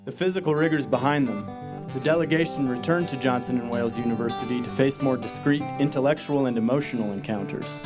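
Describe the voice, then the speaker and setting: A man giving formal, measured scripted narration for a documentary. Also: mid-range voice. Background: loud guitar music.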